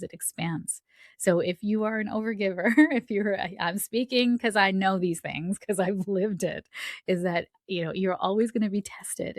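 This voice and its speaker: A woman's voice: fairly low pitch, creaky, no room sound, studio quality. A middle-aged woman giving a weekly astrology forecast in a chatty, reflective way, with personal asides. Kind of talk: casual spoken forecast.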